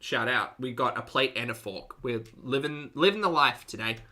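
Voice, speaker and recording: At a normal pace and medium pitch, a man talks casually to his live chat while hosting a reaction stream, full of dry, teasing sarcasm. Background noise is audible.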